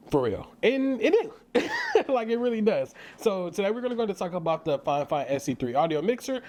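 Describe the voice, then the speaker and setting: A tech reviewer and content creator from St. Louis, Missouri, gives a casual, enthusiastic product review in slangy, conversational language. His voice is fairly high and a little mellow, with a St. Louis American accent.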